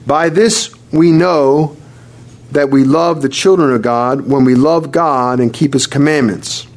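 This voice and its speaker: At a church service where the congregation responds, a man with a medium-pitched voice preaches a sermon and prays aloud fervently, calling on the Lord again and again. When he reads scripture, he does so slowly and deliberately.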